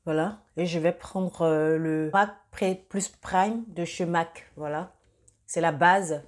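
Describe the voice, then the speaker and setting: A young woman chats her way through a makeup tutorial, pausing often on fillers and starting her sentences over. Her voice sits a little low for a woman. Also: steady tone, slight background noise. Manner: hesitant, many fillers and restarts. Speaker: beauty vlogger. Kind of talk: casual makeup tutorial talk.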